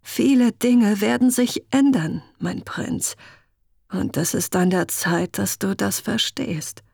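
A woman's voice: mid-range voice, slow pace, creaky, darkish tone, dry recording, studio quality. A woman reading a stern young swordmaster. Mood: earnest. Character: young female master swordswoman, stern but caring.

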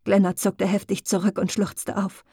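A woman narrating an audiobook in a slow, intimate, emotive storytelling manner, recorded close on a studio mic. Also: medium pitch, flat delivery, dark tone, slightly rough, dry recording. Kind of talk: scripted narration.

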